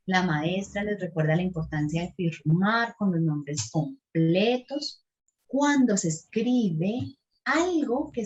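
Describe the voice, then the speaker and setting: A Colombian woman leads a teacher-training workshop and talks through a classroom example. She keeps a middle pitch and brings the children and the teacher to life as she quotes them. The sound is a little dull and lo-fi, like an online talk. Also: a little mellow, a little hiss or hum. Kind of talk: lecture retelling a classroom example.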